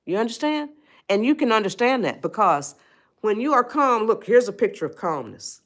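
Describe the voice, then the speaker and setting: A woman's voice: fairly high pitch, sing-song, moderate pace, fairly bright tone. A woman author giving a live-stream talk on parenting, emphatic and repetitive and often checking in with her viewers. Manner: speaks directly to viewers as a group.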